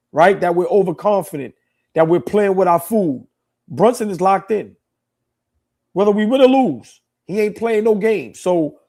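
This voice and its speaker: A man's voice: high-pitched, darkish tone. A man co-hosting a sports talk show, making his points emphatically and often asking "right?". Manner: emphatic, rhetorical questions, frequent "right?". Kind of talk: casual sports chat.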